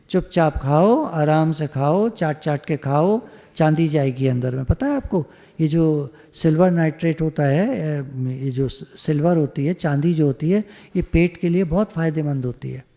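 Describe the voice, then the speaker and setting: A man giving a devotional satsang talk in a high yet mellow voice, chatty and teasing, slipping English words into his speech. The sound carries a long hall reverb. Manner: conversational, joking, mixes English words. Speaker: spiritual speaker.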